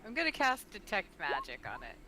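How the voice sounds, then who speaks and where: A woman playing a tabletop game, chatty and animated, asking about rolls and spells. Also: mid-range voice, fairly quick, poor audio. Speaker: player. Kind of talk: casual tabletop play.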